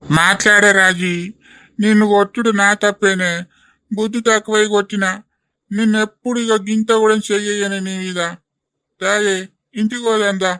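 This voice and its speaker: Cartoon old husband, Telangana accent, high bright flat-ish voice, pleading; male actor. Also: normal speed, long pauses, smooth, no room sound. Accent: Telangana Telugu. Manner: pleading, coaxing. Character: older village husband, remorseful grandfather. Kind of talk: animated comedy voice acting.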